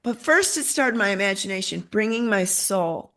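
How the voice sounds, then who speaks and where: Middle-aged woman telling a lively personal story. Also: medium pitch, normal speed. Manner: animated storyteller, acts out quoted dialogue. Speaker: interview guest. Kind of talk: storytelling in a conversational interview.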